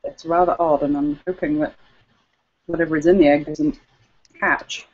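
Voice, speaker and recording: A man's voice: on the high side, flat delivery, moderate pace, darkish tone. A man playing a tabletop game in character, talking in a polite, genteel way. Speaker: player. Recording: muffled lo-fi recording.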